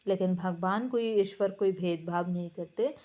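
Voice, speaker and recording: A woman's voice: fairly low pitch, normal speed, dark tone, muffled recording. A woman with a Bengali accent, explaining textbook answers as a Hindi teacher, with a patient manner and frequent hesitations.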